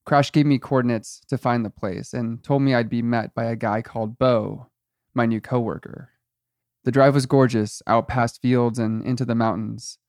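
A man's voice: medium pitch, darkish tone, no echo. A man narrating a first-person story in a wry, dry tone.

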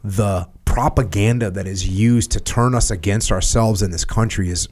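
A man's voice: on the low side, normal speed, darkish tone. A man hosting a podcast, reading passages from a book aloud and breaking off to explain them in plain, casual words. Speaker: podcast host.

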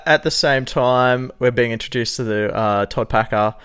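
Loud music plays behind a young podcast co-host who talks at normal speed in a mid-range voice. He chats casually and tells stories, animated and jokey, laughing a lot.

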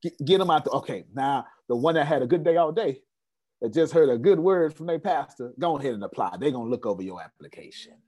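A man's voice: mid-range voice, expressive, fast, a little mellow, breathy edge. A man leading an online meeting, exhorting the group in a rhythmic, repetitive preaching style.

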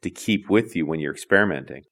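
Man, lowish voice, tech podcast co-host, casual, easygoing, laughs easily. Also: lively intonation, a bit bright. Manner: easygoing, quick to laugh and react. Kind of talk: casual chat.

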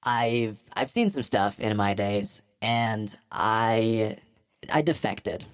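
A man's voice: on the low side, slow, clear, resonant tone, dry recording. A man voicing a friendly, polite young kraken in a tabletop game, talking casually and hesitantly. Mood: earnest, explaining. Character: friendly juvenile kraken, polite, needy, telepathic defector.

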